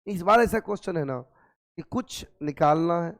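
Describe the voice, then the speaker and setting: A man teaching a physics class, nursing a sore throat, coaxing and gently scolding his students with repeated questions. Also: fairly high pitch, lively intonation, normal speed. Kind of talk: classroom lecture.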